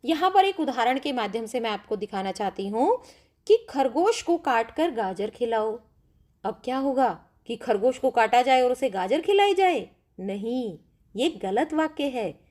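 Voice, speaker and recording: A woman's voice: on the high side, very animated, a little slow, a little mellow. A woman teacher explaining grammar to pupils step by step, often asking them questions. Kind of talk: classroom grammar lesson.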